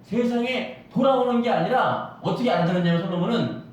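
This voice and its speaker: A man's voice: sits high, fairly quick. A man pastor preaching a Sunday sermon, firing rhetorical questions at the congregation and acting out quoted voices. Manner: acts out quoted voices of God and Solomon. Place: church sanctuary. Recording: echoey church hall, mic at a distance.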